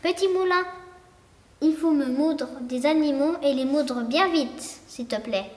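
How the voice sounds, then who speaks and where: A poor, kindly woodcutter from a storybook, as a woman puts him on chants his wishes in a high, sing-song voice. The sound carries a roomy echo and a long reverb tail. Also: a little slow, darkish tone. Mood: cheerful. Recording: echoey room with long reverb.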